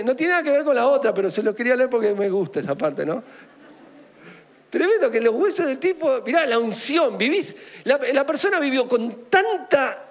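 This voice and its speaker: A man preaching in an animated Argentine voice that sits high for a man. He talks like he is chatting with the congregation, throwing in jokes and rhetorical questions as he goes. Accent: Argentine Spanish. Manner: animated, jokey, full of asides and rhetorical questions. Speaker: pastor. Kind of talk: conversational sermon.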